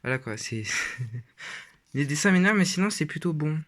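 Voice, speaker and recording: A man's voice: on the high side, expressive, moderate pace, fairly bright tone. A teenage boy giving a rambling, casual tour of his shelf, with frequent fillers and restarts. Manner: rambling, hesitant with many fillers. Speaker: vlogger.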